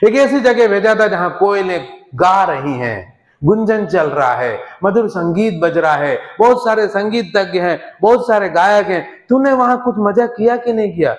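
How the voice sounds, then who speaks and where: Man doing God, stern scolding male judge, high voice, echoey hall, long reverb. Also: animated, moderate pace. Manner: scolding, shouts at times. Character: stern booming male God judging souls.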